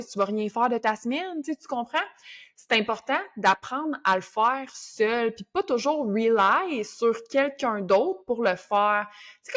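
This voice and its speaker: A woman's voice: a little high, fairly bright tone. Québécois woman coaching, casual. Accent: Québécois French. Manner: casual, coaching, peppered with English words. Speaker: podcast host. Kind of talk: motivational podcast talk.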